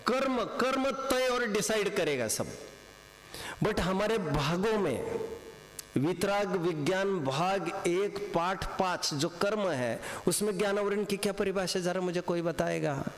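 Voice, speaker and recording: A man's voice: sits high, lively intonation, takes it slowly. A man teaching a class of students, quizzing them and repeating his questions, mixing in English words. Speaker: religious teacher. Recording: echoey hall with long reverb.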